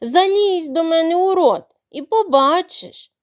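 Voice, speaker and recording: A sly male crocodile from a bedtime audio tale whines in high, slow, stretched-out groans, voiced by a woman. His complaints rise well above the storyteller's own voice and come out loud. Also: animated. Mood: wailing. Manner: wailing, drawn-out groans. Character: greedy crocodile, male, moaning over a toothache.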